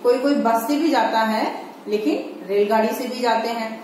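A woman's voice: on the high side, moderate pace, a little mellow, a little hiss or hum. A woman teaching Hindi to small children in a patient lesson, sounding out syllables and asking rhetorical questions. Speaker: primary school Hindi teacher. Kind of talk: slow, patient classroom lesson video. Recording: echoey room, voice a bit distant from the mic.

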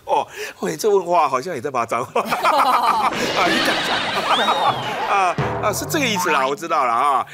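An actor playing a blustering, self-important middle-aged politician in a comedy sketch, with a Taiwanese Mandarin accent, bombastic and forever asking "right?". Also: male voice, mid-range voice, close to an everyday voice. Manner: bombastic, keeps asking "right?", drawn-out exclamations. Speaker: satirical politician character. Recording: loud music underneath.

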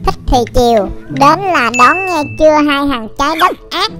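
A woman voicing a bratty, boastful young boy artist who is brash, bossy and quick to take offence. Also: sits high, lively intonation. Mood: defiant. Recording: loud music behind.

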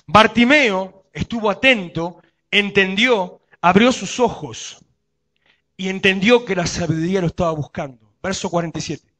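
A man's voice: high voice, normal speed, a bit bright. A male pastor with a Rioplatense Spanish accent preaching a sermon and asking his congregation questions.

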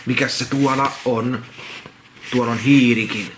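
A man reading a children's picture book aloud, rambling into repetitive, halting asides and restarts. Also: mid-range voice, fairly even intonation. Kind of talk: casual read-along with rambling commentary. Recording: roomy echo, faint background noise.

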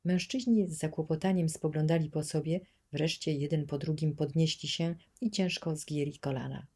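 A woman narrating an audiobook in a steady, measured storytelling manner. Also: low voice, husky. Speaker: audiobook reader.

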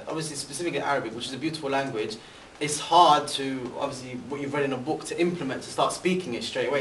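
In a large indoor room with a banner, a young adult from Britain, a university student guest speaker, sits and answers questions about his studies abroad. He speaks at medium pitch, rambling with many fillers and restarts and using animated hand gestures. A far camera records the echoey room from a distance, with a faint hiss.

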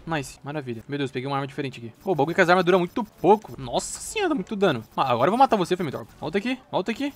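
Excitable fast-talking Brazilian gamer man. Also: a little high. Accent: Brazilian Portuguese. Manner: excitable, exclaims and repeats himself; heavy slang, mutters to himself. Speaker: gaming youtuber. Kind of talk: casual gameplay commentary.

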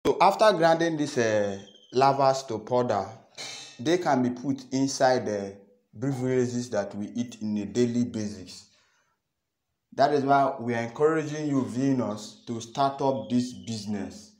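A young man with a Nigerian accent talks to the camera in a small room, patiently explaining and often saying things twice. His voice sits at an ordinary pitch. The room adds a noticeable echo. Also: unhurried, darkish tone. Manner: repeats phrases, earnest and explanatory. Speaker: farming channel host. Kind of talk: instructional vlog talk to camera.

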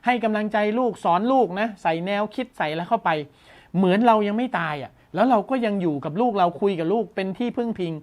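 Excited male tech news host. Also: sits high, fast talker. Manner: enthusiastic, exclaims often. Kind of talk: casual tech news commentary.

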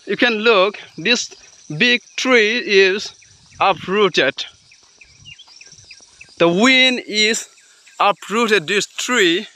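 A man narrating an outdoor exploration vlog in halting, short, repeated phrases. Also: high-pitched, bright, forceful tone. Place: outdoors on riverbed, hillside and forest.

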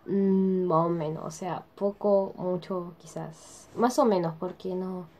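A woman's voice: lowish voice, fairly even intonation, slow pace, dark tone. A young teenage girl chatting casually to camera from her bed in her bedroom, giggling often and filling her talk with "o sea". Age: young teen. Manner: says she is shy. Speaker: youtuber. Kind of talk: casual chat.

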